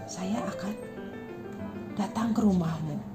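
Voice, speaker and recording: A woman voicing a calm, gentle male healer who speaks softly and soothingly. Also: slow, music in the background, lightly acted. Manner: soft, low and soothing.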